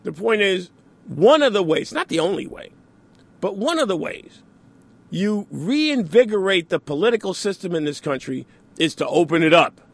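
Sarcastic New radio host, high and lively. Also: male voice, normal speed, gravelly. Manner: sarcastic, mocks opponents in mimicking asides. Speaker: radio talk show host. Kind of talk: opinionated radio monologue.

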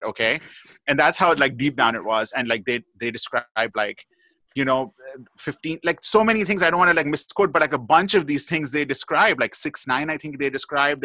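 A man's voice: mid-range voice, sharp tone, dry recording. A man, a guest pathologist, telling a long story in a podcast interview, chatty and full of "like" and "you know".

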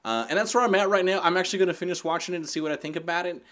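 A man's voice: high voice, very fast, fairly bright tone. A man co-hosting a casual podcast chat, laughing often and trailing off into fillers. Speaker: podcast co-host.

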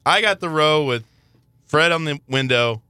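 A man's voice: fairly high pitch, normal speed, smooth, no echo, studio quality. A man, a father and podcast host, telling a story in casual chat and acting out the people in it. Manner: animated storytelling, acts out his kids. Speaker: father of three.

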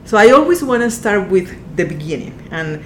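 A woman's voice: big pitch swings, brisk. A woman hosting an interview podcast, asking curious questions. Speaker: podcast host. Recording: echoey room with faint rumble.

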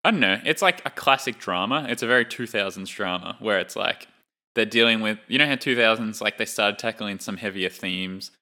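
A young man co-hosting a film podcast, talking in a relaxed, chatty way and laughing now and then. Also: lowish voice, a little fast. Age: young adult. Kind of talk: casual chat.

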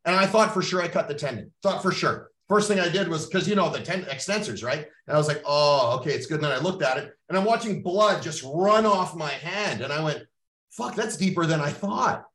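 On the high side and a bit bright, this middle-aged Canadian man's voice moves with lively intonation, a little fast and with few pauses. He hosts a podcast, giving a blunt, profane motivational monologue, captured with roomy sound from a distant mic.

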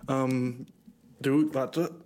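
A man in his twenties talks very slowly at a medium pitch over a little hiss or hum, rambling casually on his own. His excitable chat is packed with slang and swearing, and he keeps calling the listener dude.

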